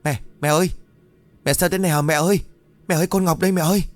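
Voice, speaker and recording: A man's voice: a little high, steady tone, fast talker, no room sound, faint music behind, pitched above the performer's own voice, natural voice. A man voicing a young man calling out in anguish to his dead mother in a told ghost story.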